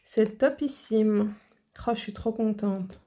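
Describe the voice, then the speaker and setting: A woman's voice: mid-range voice, takes it slowly, dark tone. A woman nail educator talking in a chatty, enthusiastic way to her viewers in a casual product haul, with many fillers and restarts.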